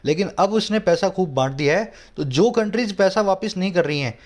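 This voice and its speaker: High-voiced Indian English tutor. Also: male voice, lively intonation, fairly quick. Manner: explains word by word, checks with listeners. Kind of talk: editorial reading lesson.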